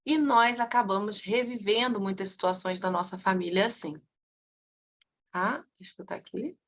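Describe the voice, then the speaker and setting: A woman teaches a family constellation class, asking her students questions and answering them herself. In a mid-range voice at normal speed, she stays lively, swinging in loudness and pace.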